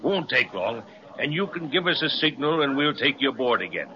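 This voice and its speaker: A man's voice: medium pitch, lively intonation, brisk, a little hiss or hum, close to an everyday voice. A man playing a jovial, courteous candy pirate captain with hearty theatrical delivery in an old children's radio serial. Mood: jovial, gracious. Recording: dull old radio recording.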